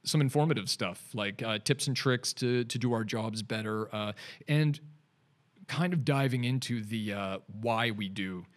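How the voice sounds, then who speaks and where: Medium in pitch and measured in pace, a Canadian-accented digital artist in his forties chats as a guest on a studio podcast. The casual interview talk is rambling and laid-back, with lots of fillers and restarts.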